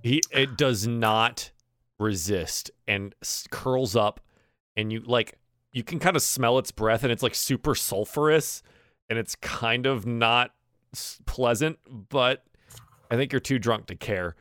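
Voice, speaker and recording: A man hosting and narrating a live tabletop game as game master, in an informal, halting, improvised delivery. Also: mid-range voice, a bit bright, dry recording, studio quality. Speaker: game master and show host. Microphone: online voice call.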